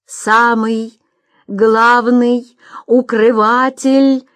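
A woman voicing a bold, defiant male hero in a storybook reading, speaking in loud, ringing proclamations. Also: on the high side, level tone, extremely slow, dry recording, pitched above the performer's own voice. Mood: declaiming.

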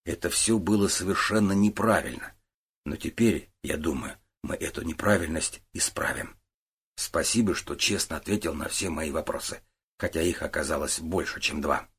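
A man voicing a calm, methodical middle-aged detective who questions patiently in an audiobook. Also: extremely low pitch, moderate pace, slightly rough, heavily acted. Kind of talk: audiobook character voice.

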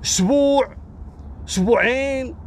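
A man narrating a crime story casually and dramatically, with a high-pitched voice. He speaks straight to the listener, and faint vehicle noise sits behind him. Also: normal speed. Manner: animated, dramatic, addresses the listener.

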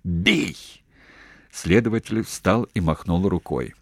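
A man reading a novel aloud as an audiobook in a steady, serious manner. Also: deep voice, moderate pace, dry recording, clean studio sound. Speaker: audiobook narrator. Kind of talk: scripted narration.

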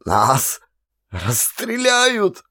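A man's voice: wildly swooping pitch, extremely slow, pushed and bright, dry recording, studio quality, heavily acted. A man putting on a wailing, panicked soldier. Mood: panicky wailing. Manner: wailing, shrill and drawn out. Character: panicky terrified Finnish soldier, tearful. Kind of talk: audiobook character voice.

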